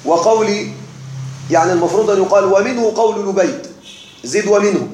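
A man teaching a classical text to a class, slow and deliberate, often checking that his students are following. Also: sits high, a little mellow, slight background noise. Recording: echoey room.

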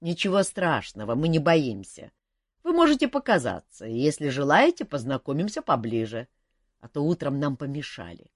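A woman's voice: deep voice, very animated, normal speed, dry recording, studio quality. A woman voicing a sly, teasing young man who mocks his friend. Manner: teasing, wry. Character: mocking young male adventurer, sly joker.

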